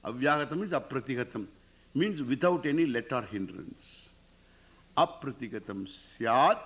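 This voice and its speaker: A man's voice: medium pitch, a bit bright. A man with an Indian accent giving a spiritual discourse, explaining Sanskrit verse emphatically, repeating phrases and posing questions to listeners. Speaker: spiritual teacher. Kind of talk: Vedanta scripture discourse with Sanskrit recitation.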